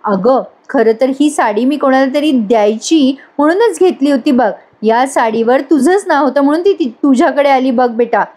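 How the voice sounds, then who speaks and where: A woman's voice: sits high, normal speed, hardly any pauses, mellow. A woman reading as a kind, motherly older lady. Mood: affectionate. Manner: affectionate, coaxing, calls the girl "child".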